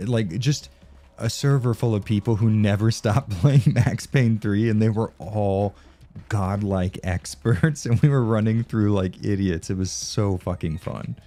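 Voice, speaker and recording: Male game streamer, low mellow voice, loose profane chat with viewers. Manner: profane, rambling, laughs often. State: tired from no sleep. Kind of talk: casual live-stream chat.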